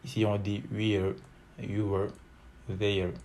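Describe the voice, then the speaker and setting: Slow, hesitant male tutor. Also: lowish voice, flat delivery, darkish tone, a little hiss or hum. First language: French. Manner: slow and hesitant, many fillers, repeats each form several times. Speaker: English teacher. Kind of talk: bilingual online lesson, switching between French and English.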